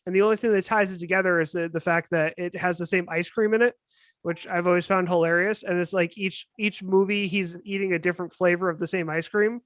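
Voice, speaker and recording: An amused podcast panelist explains a point, restarting phrases along the way. The voice is mid-pitched, and the recording sounds dry and close. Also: fairly even intonation, brisk, fairly bright tone, no echo. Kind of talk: casual chat.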